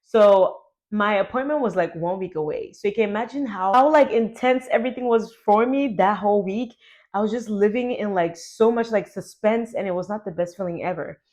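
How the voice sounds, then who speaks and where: A young adult woman telling a personal story to her vlog audience in a chatty, animated way, full of "like". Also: mid-range voice, fairly quick. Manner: chatty, animated, heavy use of "like". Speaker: YouTuber.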